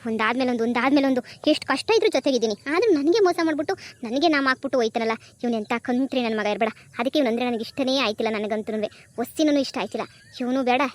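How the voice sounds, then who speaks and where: A woman doing a sharp-tongued young village wife. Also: a little high, lightly acted. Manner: pleading sweetly to her father-in-law, then scolding with contempt. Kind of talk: cartoon comedy voice acting.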